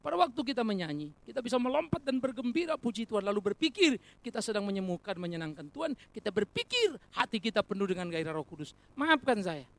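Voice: medium pitch, fast, few pauses. Preacher giving a sermon, voice swings up and down a lot, cracks jokes then gets serious, talks right to the crowd. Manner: animated, rhetorical, addresses congregation as brothers and sisters; jokey asides amid earnest preaching.

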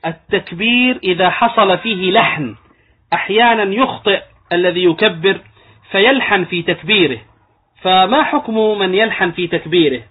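A man with a high, husky voice gives a religious lecture on law. He explains each point step by step and sometimes acts out mistaken pronunciations. The sound is thin and tinny, like a phone line. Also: normal speed. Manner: explanatory, demonstrates wrong pronunciations. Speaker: Islamic scholar teaching jurisprudence.

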